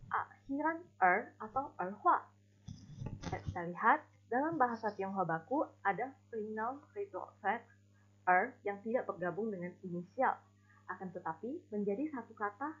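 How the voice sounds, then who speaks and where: A woman teaching a recorded Mandarin class, explaining slowly and modeling examples aloud. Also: mid-range voice, breathy edge. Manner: slow, deliberate explanations with spoken examples. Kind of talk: recorded online class lesson. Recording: dull lo-fi recording.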